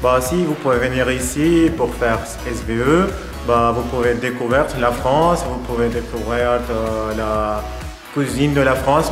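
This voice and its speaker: A man working as an activity leader, talking casually and encouragingly to camera with frequent fillers. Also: medium pitch. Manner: chatty, encouraging, with filler "bah". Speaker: elderly-care activity leader. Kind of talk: casual video testimony. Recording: roomy hall with music behind.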